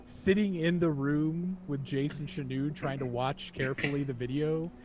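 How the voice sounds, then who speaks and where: A man's voice: a little high, steady tone, normal speed, noisy background. Joking young male game master. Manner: laid-back, joking, lots of fillers. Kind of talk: running a tabletop game.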